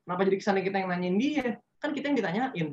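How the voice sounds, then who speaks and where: A man's voice: high voice, animated, very fast. A man giving casual, slangy advice on a webinar. He acts out sample answers as he talks. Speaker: webinar speaker. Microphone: video call. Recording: dull lo-fi call audio.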